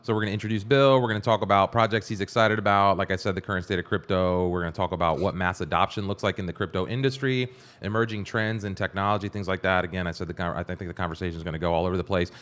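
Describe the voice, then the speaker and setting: A man's voice: low-pitched, fairly even intonation, very fast, fairly bright tone. A man hosting a casual livestream podcast, upbeat and loose, greeting viewers in the chat. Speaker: podcast host.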